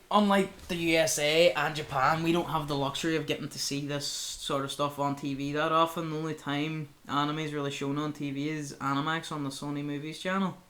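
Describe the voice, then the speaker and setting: A man's voice: on the high side, steady tone, fairly quick, fairly bright tone. A young man, co-hosting a casual chat and rambling with lots of filler words. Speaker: podcast co-host.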